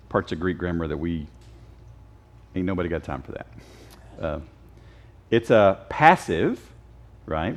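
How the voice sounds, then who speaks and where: A man teaches a Sunday school lesson in a church classroom. His fairly low voice swings widely in pitch as he jokes and quizzes his class in a casual, animated way. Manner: lively, joking, quizzes the class.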